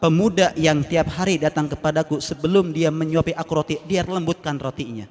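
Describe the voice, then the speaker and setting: A man's voice: fairly high pitch, fairly quick, darkish tone, natural voice. A male preacher voicing a blind beggar man who pleads and cries out in a sermon story. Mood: suspicious. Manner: pleading, then crying out. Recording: reverberant hall.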